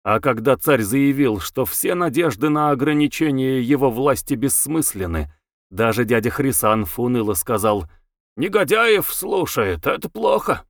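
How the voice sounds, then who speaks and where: A man narrating a novel as an audiobook reader, with expressive, lively intonation. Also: mid-range voice, normal speed, no room sound, studio quality.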